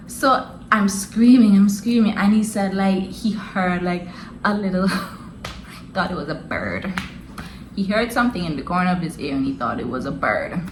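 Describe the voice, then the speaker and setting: A woman's voice: medium pitch, reverberant, noisy background. A young adult woman telling a story in a casual, slangy way and laughing often as she goes. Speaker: vlogger.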